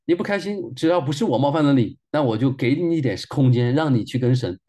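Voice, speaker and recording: A man's voice: mid-range voice, lively intonation, quick pace, mellow. A man in his forties, a minister, sharing a personal testimony sermon in an earnest way and repeating phrases for emphasis.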